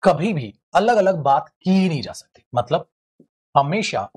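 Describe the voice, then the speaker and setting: A man teaching English grammar in a lively, joking classroom lecture, calling his students friends and brothers. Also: fairly high pitch, takes it slowly, husky.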